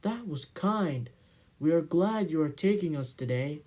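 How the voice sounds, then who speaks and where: A man voicing polite, careful railway coaches from a children's storybook, with a courteous, gently admonishing manner. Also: fairly high pitch, animated, unhurried. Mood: grateful.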